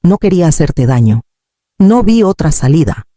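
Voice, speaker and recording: A man's voice: on the high side, sing-song, normal speed, mellow, no room sound, clean studio sound. A man putting on a panicked, pleading grown son. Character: desperate indebted adult son, breaking down.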